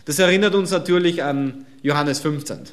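A man's voice: fairly high pitch, moderate pace. A man preaching a sermon, speaking emphatically and pressing his listeners with repeated rhetorical questions.

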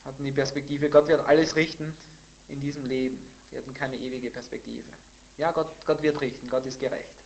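A man teaching a Bible sermon in a conversational way, with blunt asides, who grows louder and higher when he reads scripture quotes. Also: steady tone, brisk, creaky, slight background noise, rough recording. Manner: emphatic, rising in pitch and volume when reading scripture quotes. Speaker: preacher.

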